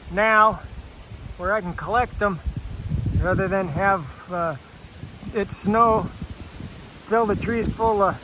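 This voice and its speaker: A man chatting casually as he vlogs outdoors on his rural property, relaxed and full of fillers, a bit out of breath. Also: sits high, slight background noise, low-quality recording. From Alaska. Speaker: homesteader vlogger. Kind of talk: casual outdoor vlog narration.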